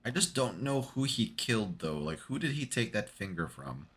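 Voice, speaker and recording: Bright-voiced, lowish male game streamer. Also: big pitch swings, moderate pace. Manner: slangy, laid-back. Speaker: streamer playing a horror game. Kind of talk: casual gaming livestream commentary.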